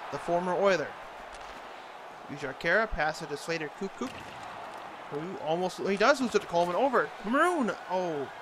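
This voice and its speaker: A man doing an amateur announcer impression, giving hockey play-by-play commentary in short clipped phrases. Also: a little high. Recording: clearly noisy, ambient background noise.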